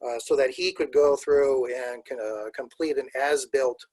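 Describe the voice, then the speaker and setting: Man on a video call, husky voice, attorney, words cut off mid word, halting restarts. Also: mid-range voice, darkish tone, dry recording. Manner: cuts himself off mid word and restarts, many filler uhs. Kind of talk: formal statement at a public meeting. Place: remote, joining by video call.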